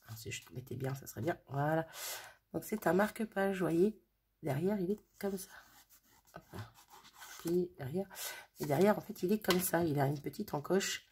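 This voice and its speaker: A woman's voice: lowish voice, normal speed, pauses often, darkish tone, slight background noise. A mother chatting casually as she makes a card at home, thinking aloud while she works. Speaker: crafting vlogger. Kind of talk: casual crafting tutorial chat. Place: home craft table on a sunny day.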